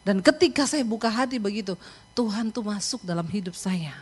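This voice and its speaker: Brief: middle-aged woman preacher, animated, laughing storytelling sermon. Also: medium pitch, fairly quick, slightly rough. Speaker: pastor.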